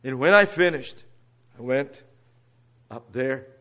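Slow and lively in intonation, this man from Brazil has a mid-range voice and a Brazilian Portuguese accent. He gives an earnest sermon as a guest preacher and seminary teacher, passing from soft asides into emphatic rises.

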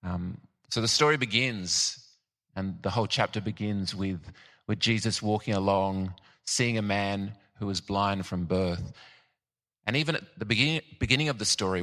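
A man preaching a sermon, thoughtful and unscripted, pausing with frequent ums and restarts. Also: on the low side, pushed and bright.

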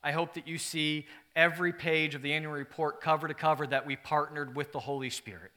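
A pastor with a medium-pitched voice preaches to his congregation. He swings between loud, emphatic passages and hushed, earnest ones, tossing joking asides to the room.

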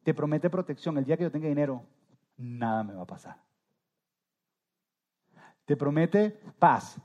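A man preaching a sermon as pastor, rising suddenly to loud emphatic peaks and trailing off softly at the ends of phrases. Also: a little high, expressive, measured pace, dull audio.

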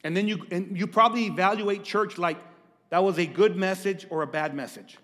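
A man delivers a sermon in a church, his voice pitched high for a man. He stammers over repeated words and keeps putting questions to the congregation. The sound rings with a long hall reverb. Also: brisk, a bit bright. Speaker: pastor.

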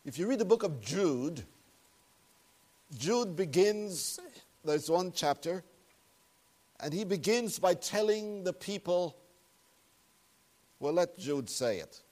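A man leading a prayer and preaching a sermon at a pulpit microphone in a church, speaking in a measured, earnest way with solemn emphasis. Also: high-pitched, lively intonation, a little mellow. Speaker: pastor. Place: church sanctuary.

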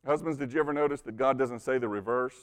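A man preaching a sermon, telling stories with animated delivery, often repeating words as he starts a phrase and dropping to a hushed, intense tone for emphasis. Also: medium pitch, quick pace. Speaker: pastor.

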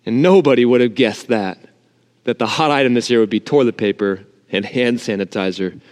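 Speaking a little fast in a mellow, medium-pitched voice, a pastor gives an earnest, informal sermon aimed straight at the congregation. The empty sanctuary adds a lengthy, cathedral-style reverb.

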